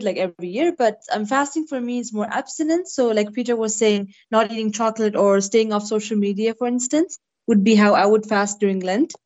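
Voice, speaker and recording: A woman's voice: medium pitch, a little mellow, highs cut off. A woman originally from India, speaking as a podcast guest in a friendly, reflective way over a remote call. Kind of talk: casual podcast chat.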